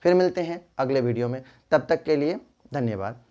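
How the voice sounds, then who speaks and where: A man's voice: medium pitch, expressive, brisk, dark tone, muffled recording. A man teaching a Hindi writing lesson online, patiently repeating example words and addressing his students as children.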